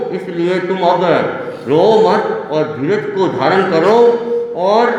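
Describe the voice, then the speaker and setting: A man voicing a persuasive male merchant who soothes a grieving princess, in a storytelling sermon. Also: high-pitched. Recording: echoey hall reverb.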